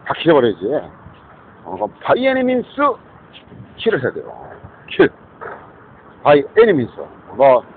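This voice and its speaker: A man in his fifties talking in a rambling monologue, mixing English words into his speech and often adding tag questions. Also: on the high side. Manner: rambling, muttering asides. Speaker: street preacher livestreamer. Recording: tinny phone-like lo-fi audio with faint noise.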